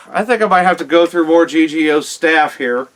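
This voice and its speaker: A man hosting a wrestling show in a casual, halting, conversational way. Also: fairly high pitch, a bit bright, rough recording.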